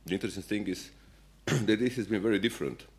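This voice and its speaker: A man's voice: fairly low pitch, quick pace. A man speaking as a central bank policymaker on a conference panel, hesitant, with many fillers and restarts.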